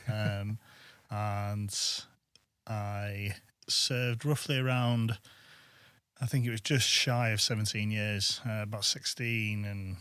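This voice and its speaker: Interview guest, middle-aged Manchester man, low and flat, hesitant. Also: slow pace, clean tone, dry recording, clean studio sound. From England. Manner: plain, hesitant, with fillers. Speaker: army veteran guest. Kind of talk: casual interview answers.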